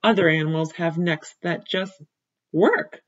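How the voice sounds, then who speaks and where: A woman's voice: on the low side, unhurried, highs cut off, close to an everyday voice. Edward, a mopey giraffe read by a woman. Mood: self-pitying. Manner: gloomy, complaining, dramatic. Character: self-conscious male giraffe with a long neck.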